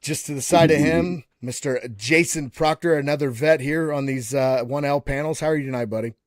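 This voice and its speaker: A man's voice: on the high side, brisk, no echo, clean studio sound. Folksy man hosting a live panel. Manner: folksy, calls everyone guys and buddy; frequent restarts and repeated words. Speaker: host of a live panel show. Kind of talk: casual live panel introduction.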